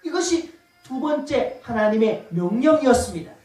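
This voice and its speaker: A woman preaching a dramatic sermon, swinging from loud commands to hushed asides as she acts out voices. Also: on the high side, lively intonation, normal speed, faint music behind. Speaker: pastor. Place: church sanctuary. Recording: echoey church hall, mic far off.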